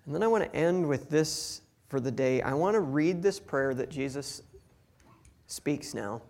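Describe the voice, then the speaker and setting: A man's voice: a little high, animated, slow pace, pauses often, darkish tone. A man reading Bible passages aloud and explaining them in an earnest, conversational teaching style with touches of humor. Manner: reads scripture then explains it conversationally.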